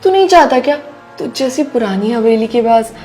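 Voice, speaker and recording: Woman acting brazen young wife, scheming, insistent, scolding, slightly high voice, soft music underneath. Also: expressive, brisk, natural voice. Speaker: daughter-in-law character. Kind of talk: scripted Hindi short-drama acting.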